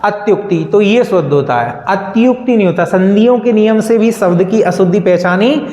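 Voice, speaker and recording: A man's voice: sits high, lively intonation, normal speed, darkish tone. A man teaching Hindi spelling to students, asking questions and answering them himself, calling them "beta". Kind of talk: classroom lesson with call-and-response questions. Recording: echoey room, slightly dull sound.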